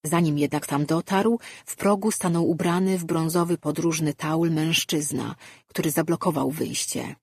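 A woman narrating a fantasy audiobook in an even, measured reading. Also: low voice, slightly rough, dry recording, clean studio sound.

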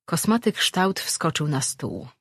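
An audiobook narrator reading a fantasy novel in a steady, measured way, in a dry studio recording. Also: mid-range voice, dry recording.

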